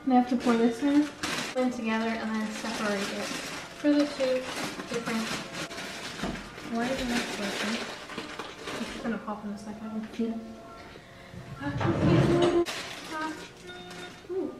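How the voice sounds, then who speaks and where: A woman's voice: on the high side, moderate pace, long pauses, heavy background noise. A teenage girl chatting in a rambling, self-correcting way while she bakes in her home kitchen. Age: teens. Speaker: vlogger. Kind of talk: casual baking vlog chat. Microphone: camera across the kitchen. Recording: roomy kitchen echo, distant camera mic, background music.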